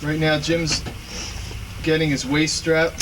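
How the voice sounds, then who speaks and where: A heavily reverberant, noisy recording of a man giving a fire training demonstration. His voice sits a little high and somewhat away from the mic. He explains each step plainly, as an instructor does. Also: little pitch movement, slow. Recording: echoey, reverberant, distant mic, noisy background.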